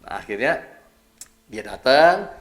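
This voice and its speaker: With a medium-pitched voice, a middle-aged pastor from Indonesia delivers a sermon in a relaxed, conversational manner. His talk is chatty and animated, and he frequently ends phrases with a quick "ya."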